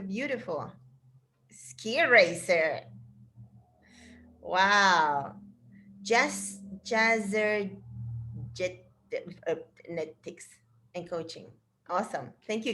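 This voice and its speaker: Speaking at a medium, slightly bright pitch, she's a middle-aged trainer from Chile encouraging her clients on a video call in a chatty way, full of fillers and false starts. A faint hiss or hum runs under the audio.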